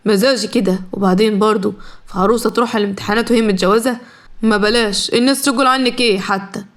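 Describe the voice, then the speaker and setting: A woman's voice: mid-range voice, fairly even intonation, fast, natural voice. A woman playing a cold, threatening husband. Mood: mocking cold. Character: harsh, controlling male husband and captor.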